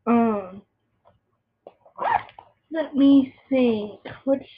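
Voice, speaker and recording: A woman's voice: fairly high pitch, drawn-out words, slightly rough. A young woman rambling and teasing a friend in casual chat at home, on a dull lo-fi recording. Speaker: vlogger.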